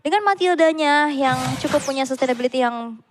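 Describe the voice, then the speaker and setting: A woman working as an esports caster, giving animated, chatty live match commentary in long flowing sentences. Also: high-pitched, fairly quick, a little hiss or hum. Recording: game music behind voice. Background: game music.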